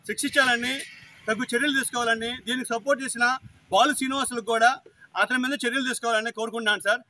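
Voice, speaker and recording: A man's voice: extremely high pitch, bright, forceful tone. A man, angrily complaining to officials outdoors and pleading for action. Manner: agitated, pleading, repetitive. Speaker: local villager complaining.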